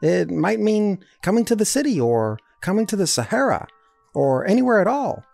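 A man's voice: high-pitched, big pitch swings, moderate pace, vocal fry, a little mellow, no room sound, soft background music, pitched above the performer's own voice, heavily acted. A man reading a storybook, voicing a gloomy father rabbit who sighs and sounds glum. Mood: doubtful. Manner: glum and sighing. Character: gloomy father rabbit fond of his hat.

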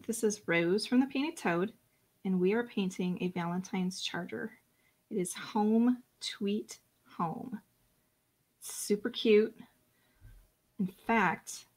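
A woman running a casual live-stream painting lesson, chatting and talking to herself as she works. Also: medium pitch. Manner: chatty, self-talking while working. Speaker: painting instructor.

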